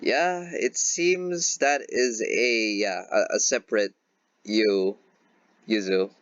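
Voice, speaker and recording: A man's voice: fairly low pitch, takes it slowly, fairly bright tone, dry recording, dull audio. A man playing in a tabletop game, talking hesitantly with many fillers and restarts. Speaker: player. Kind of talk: casual tabletop role-play chat.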